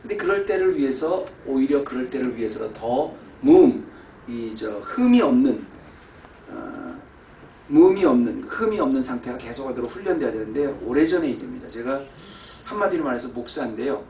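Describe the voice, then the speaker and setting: A man preaching a sermon as pastor, telling a personal story and swinging from quiet asides to loud exclamations. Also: mid-range voice, sing-song, moderate pace, a little hiss or hum. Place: church sanctuary. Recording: echoey church hall, far mic, phone-like band.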